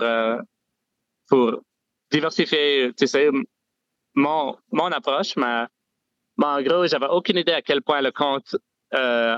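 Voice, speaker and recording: A man's voice: mid-range voice, a bit bright, clear, resonant tone, dry recording. Young Acadian man on a dull line. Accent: Acadian French. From Nova Scotia, Canada. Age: young adult. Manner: easygoing, halting, leans on "tu sais" and "comme". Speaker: guest storyteller. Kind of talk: casual interview. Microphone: phone or remote call.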